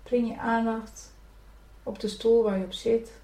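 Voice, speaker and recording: Slow, soothing woman guiding a meditation. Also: a little high, level tone. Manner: slow, soothing, gentle instructions. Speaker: meditation guide. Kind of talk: guided spiritual meditation. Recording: echoey room, from a distance.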